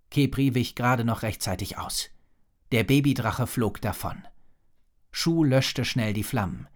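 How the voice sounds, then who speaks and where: A man narrating a children's storybook with an expressive reading. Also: mid-range voice.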